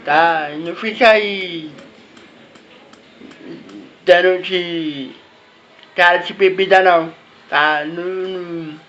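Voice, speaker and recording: A man's voice: high-pitched, fairly even intonation, slow pace, pauses often, pushed and bright, highs cut off. A man giving parents advice in a casual vlog, repeating himself and tagging his phrases with little questions. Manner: repetitive, ends phrases with "né?" and "tá?". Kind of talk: casual talk to camera.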